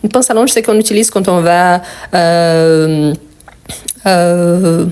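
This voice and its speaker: A woman teaching French grammar in a live online lesson. She patiently repeats each word slowly and asks viewers questions. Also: on the low side, steady tone, a little mellow, smooth.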